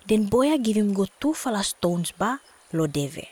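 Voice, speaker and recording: A woman's voice: mid-range voice, sing-song, measured pace, a little mellow, breathy edge. A woman with a Solomon Islands accent narrating a storybook expressively in Solomon Islands Pidgin.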